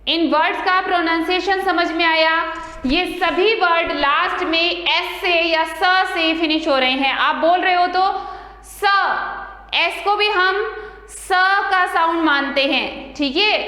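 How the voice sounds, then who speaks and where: A woman teacher with an Indian accent giving an online English lesson to children, slowly drilling pronunciation and repeating words for them to copy. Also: extremely high pitch, pushed and bright. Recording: echoey room with long reverb.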